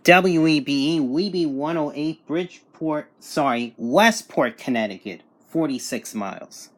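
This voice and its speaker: With a slightly high, somewhat bright voice and an unhurried delivery, a man reviews and demonstrates a radio. Running a reception test, he calmly reads off call signs and distances for each station.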